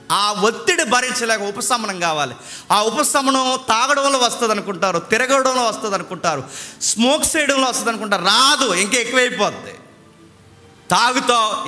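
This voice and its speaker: A man preaching an animated sermon, firing rhetorical questions and swinging between loud and soft. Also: very high-pitched. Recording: long hall reverb with faint music.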